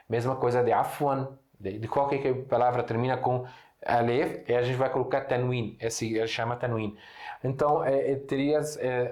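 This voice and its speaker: Speaking at a medium pitch, a young Syrian native Arabic speaker runs an online Portuguese lesson in an Arabic accent. He's patient, corrects himself frequently and raises rhetorical questions to himself, and the room he's in is echoey.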